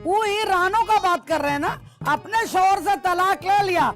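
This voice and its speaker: Brief: jealous scolding wife, very high voice, soft music under. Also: female voice, normal speed. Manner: scolding, sharp-tongued. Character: scolding suspicious wife of a middle-aged man. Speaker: actor. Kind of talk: TV drama acting.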